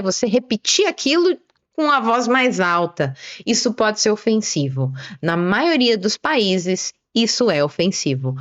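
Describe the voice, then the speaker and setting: A woman giving an online English lesson, didactic and slowing down to stress key words. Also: medium pitch, a bit bright, no echo, dull audio. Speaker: English teacher.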